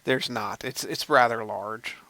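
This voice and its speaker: A man running a tabletop game as game master, describing scenes in an unhurried, descriptive way. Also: medium pitch, vocal fry, pushed and bright, no room sound.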